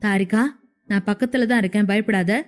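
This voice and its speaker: A woman's voice: mid-range voice, steady tone, a little fast, lightly acted. A woman narrator voicing a caring young husband who speaks in a soothing, reassuring way.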